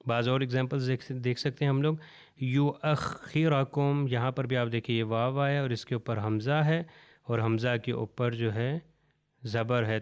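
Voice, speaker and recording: Man, Quran recitation teacher, smooth resonant tone at a mid pitch, patient and slow on every example word. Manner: patient, repeats each word slowly and deliberately. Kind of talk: step-by-step recitation lesson.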